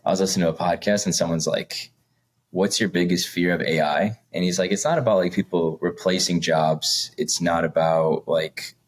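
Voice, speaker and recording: This young podcast co-host speaks at normal speed in a low voice with fairly even intonation. He rambles casually through the chat, filling gaps with fillers and laughter between points.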